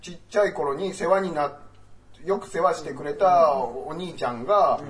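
A man in a casual film chat, critical and complaining, with drawn-out fillers. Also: on the high side, recorded from a distance. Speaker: podcast co-host.

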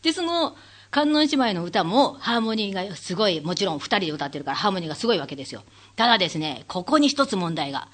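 A woman hosting her own talk show, chatting alone and acting out what people said with big jumps in her voice, laughing often. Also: quick pace. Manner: animated storyteller who acts out quotes with big pitch leaps; laughs often while talking. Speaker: radio show host; stage manager. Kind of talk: casual solo talk-show monologue.

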